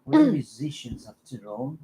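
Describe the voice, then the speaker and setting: A man's voice: a little high, huge pitch swings, unhurried, a crowd in the background, low-quality recording. A man from Italy with an Italian accent, speaking English in casual banter and stubbornly denying his bandmate's teasing. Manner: dry, stubborn denials. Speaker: band member co-hosting a stream.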